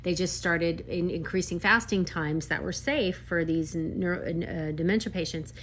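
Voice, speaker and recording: A woman in her fifties, a doctor, talking casually to camera in an animated, emphatic way with quick asides. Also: lowish voice, a little hiss or hum. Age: 50s.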